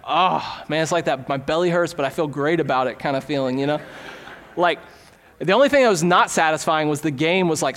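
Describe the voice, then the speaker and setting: A man's voice: high-pitched, fairly bright tone, big-room sound. A man preaching a sermon as pastor in a church, conversational and illustrating his points with everyday stories. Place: church sanctuary.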